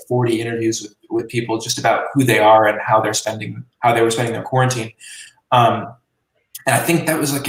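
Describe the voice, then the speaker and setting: Being interviewed, this musician and journalist in his late twenties talks loosely and at length, full of filler words. His pitch is medium. The mic is distant, giving the audio a roomy feel.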